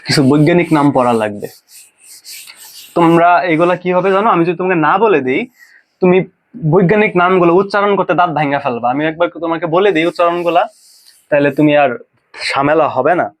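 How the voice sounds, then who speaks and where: A young man from Bangladesh, teaching a casual biology lesson and drilling pronunciations by repeating them slowly. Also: on the high side. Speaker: biology tutor. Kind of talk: informal exam-prep lecture.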